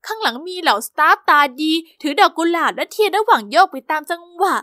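A woman giving lively, expressive first-person scripted narration for an animated story. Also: extremely high pitch, quick pace, no echo, studio quality.

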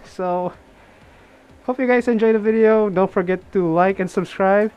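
A man's voice: high voice, normal speed, a little mellow, smooth. Young man talking muffled inside a fursuit head. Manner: chatty, apologetic, repeats words. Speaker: vlogger. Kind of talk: casual vlog update. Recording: dull lo-fi audio with faint music.

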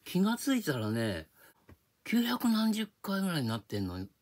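A man's voice: high voice, huge pitch swings, moderate pace. A man hosting his own video channel, talking in a casual rambling monologue and explaining his points with rhetorical questions, recorded on a tablet microphone.

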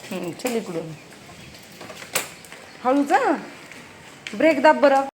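Young woman, family vlogger, outdoors, slightly high pitch, firm and repetitive coaching, light ambient noise. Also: very animated, takes it slowly. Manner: firm, repetitive instructions to a child. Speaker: vlogger and mother. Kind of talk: casual family vlog, teaching a child to cycle. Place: outdoors in a housing complex near underground parking.

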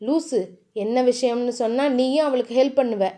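A woman voicing a young husband, dropping her voice low to sound soft, gentle and affectionate. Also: normal speed, close to an everyday voice. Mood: grave. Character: lowered-voice young husband, tender and coaxing.

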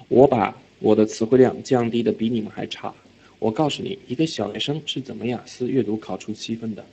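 A man of middling pitch teaches an exam reading class in a brisk, animated way. He keeps checking whether his students follow and slips English terms into his explanations. The recording sounds a little dull and lo-fi. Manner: mixes English words into speech. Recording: slightly dull lo-fi lecture audio.

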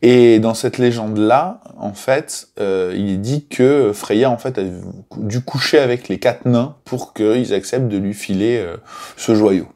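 Speaking at a measured pace in a lowish voice, this man tells the lore of his board game in a loose, storytelling way. As a game publisher, he fills his talk with fillers and chatter and lands hard on every new name.

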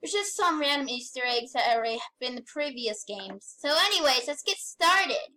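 A woman's voice: high voice, expressive, normal speed, rough recording. A woman playing a horror game and commenting, easily confused and often shrieking in panic. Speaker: gamer. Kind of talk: let's-play gameplay commentary. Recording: game music loud behind voice. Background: game music.

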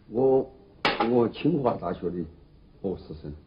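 An actor playing a bluffing, unschooled middle-aged job seeker in a TV comedy, speaking stammering, colloquial Sichuan dialect. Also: male voice, on the low side, animated, takes it slowly. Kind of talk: comedy TV drama dialogue. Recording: dull lo-fi old TV sound, noisy.

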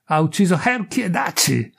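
A vengeful husband speaks harshly and repeats himself stubbornly, as a man reads his lines. The voice is gravelly and rough. The tone is grim. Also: sits high, sing-song, moderate pace, fairly bright tone, voice pushed up, heavily acted.

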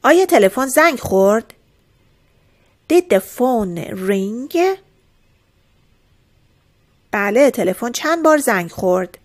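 Woman slowly drilling English verbs. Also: fairly high pitch. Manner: repeats each word slowly and clearly, explaining calmly. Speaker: English teacher. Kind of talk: slow drilled vocabulary lesson.

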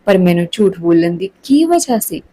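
A sincere young man in love, anxious and tender, talking things through with feeling, as a woman reader puts him on. The voice stays close to her own, only a touch lower, for a storybook reading. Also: very animated, normal speed, dark tone, low-quality recording. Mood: troubled.

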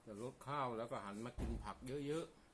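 A man's voice: medium pitch, a little fast. A man from talks casually to viewers while eating, often with his mouth full, in a folksy, explanatory way. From Isan, northeastern Thailand. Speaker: food vlogger. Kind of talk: casual mealtime chat to viewers. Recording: clear background noise, birds chirping. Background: birdsong and ambient noise.

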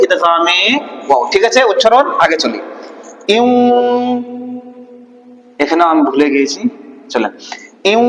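A male Quran recitation teacher with a Bangladeshi Bengali accent, drilling syllables slowly and asking and answering his own questions. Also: high-pitched, a bit bright. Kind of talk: Quran reading lesson. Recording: echoey room with long reverb.

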